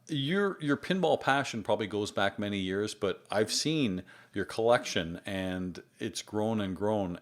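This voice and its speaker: A man hosting a podcast interview, talking enthusiastically and with emphasis. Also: on the low side. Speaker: podcast host. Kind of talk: casual interview chat.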